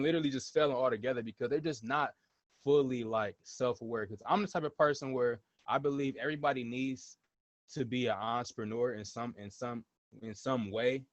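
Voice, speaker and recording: A man's voice: mid-range voice, no room sound. Twenties male host, blunt and profane, casual chat, muffled dry mic. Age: 20s. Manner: blunt, swears freely, emphatic repetitions. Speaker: podcast host. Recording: dull, dry lo-fi sound.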